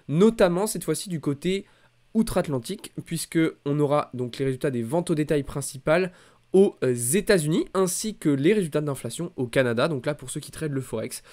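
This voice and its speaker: A man's voice: fairly high pitch, a little mellow. A man hosting a markets recap, speaking in a casual, conversational and hesitant way with repetitions. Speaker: host of a weekly markets recap. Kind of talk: casual financial market commentary.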